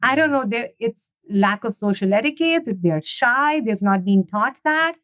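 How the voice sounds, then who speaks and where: A woman's voice: on the high side, animated, moderate pace, a bit bright, dry recording. A middle-aged woman from India, chatting as a guest in an interview and leaning on "you know" and "right?". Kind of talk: casual interview conversation.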